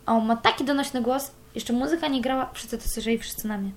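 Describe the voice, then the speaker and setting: Young woman with a high voice. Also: fast talker. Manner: candid, swears freely. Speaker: interviewee. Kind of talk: personal account.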